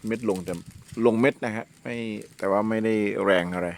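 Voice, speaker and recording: A man's voice: fairly low pitch, steady tone, normal speed. A man talking bluntly and at length as a travel vlogger, narrating casually outdoors on a rural mountain road. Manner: blunt, talkative, uses polite particles. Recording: loud wind noise on the mic.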